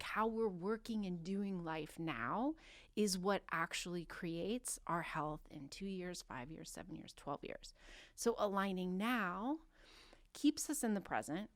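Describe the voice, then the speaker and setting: A woman's voice: fairly low pitch, dry recording. A woman in her forties, a health coach and author, speaking earnestly and with self-assurance as a podcast guest. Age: 40s. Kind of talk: casual podcast interview.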